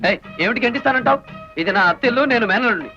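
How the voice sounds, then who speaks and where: A man's voice: extremely high pitch, lively intonation, rapid-fire, bright, forceful tone, full character voice. An actor playing a brash, cheeky young man who has come to court his cousins. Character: cocky young male nephew out to woo. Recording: dull film soundtrack with faint music.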